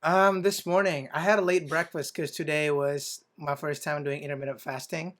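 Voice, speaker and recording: A man's voice: on the high side, fairly even intonation, normal speed, fairly bright tone. A young man in his twenties co-hosting a podcast, chatting in an upbeat, teasing way. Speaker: podcast co-host. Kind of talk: casual chat.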